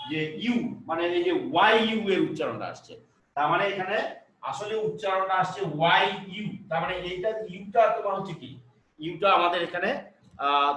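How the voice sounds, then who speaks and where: দূর থেকে প্রতিধ্বনিময় ঘরে ধীরে বোঝানো এক পুরুষ শিক্ষক. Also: male voice, high-pitched, a bit bright. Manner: halting, many filler sounds and restarts, rhetorical questions. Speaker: teacher. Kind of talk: grammar lesson at a board. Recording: echoey room, voice from some distance.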